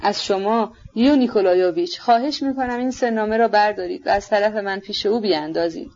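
A woman voicing a proud, fiery young woman in an audiobook, with sharp, scornful outbursts, in a dull lo-fi recording. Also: medium pitch, natural voice. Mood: agitated.

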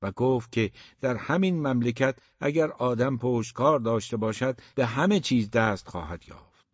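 A man narrating a story in a measured, even manner. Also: medium pitch, no echo. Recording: dull, dry lo-fi recording.

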